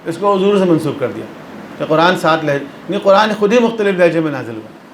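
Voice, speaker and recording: A man's voice: a little high, animated, echoey room, a little hiss or hum, poor audio. A man giving a religious lesson. He explains patiently and repeats phrases for emphasis. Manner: explanatory, mixes English terms into speech. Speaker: religious lecturer.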